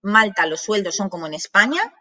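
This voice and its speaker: Bright-voiced woman giving an informal talk. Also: mid-range voice, big pitch swings, a little fast. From Spain. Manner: talks in loose restarts, often checks with "¿vale?". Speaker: presenter of a work abroad programme masterclass. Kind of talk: informal spoken presentation.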